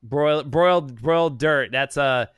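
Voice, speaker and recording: A man's voice: a little high, unhurried, a bit bright, smooth, dry recording, clean studio sound. A man co-hosting a casual comedy podcast, rambling and swearing, often breaking into laughter. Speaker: podcast co-host.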